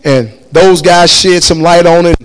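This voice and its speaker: A man's voice: a little high, a little slow, clean tone. A man telling a story casually, acting out the people he quotes and laughing as he goes. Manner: animated, acts out quoted voices, laughs often.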